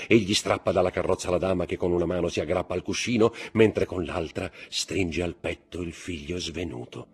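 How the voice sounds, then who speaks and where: A man reading a classic novel aloud in expressive, dramatic narration that swings in pace and volume. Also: sits low, husky. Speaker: audiobook reader.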